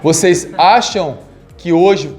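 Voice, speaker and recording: A man in his forties from Brazil leads a live classroom lecture, calling out exercise cues in an upbeat, insistent coaching way. His voice sits high for a man. Faint music plays behind him. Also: slow pace. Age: 40s. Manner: energetic, coaching with repeated commands. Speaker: physical education lecturer. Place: classroom with audience.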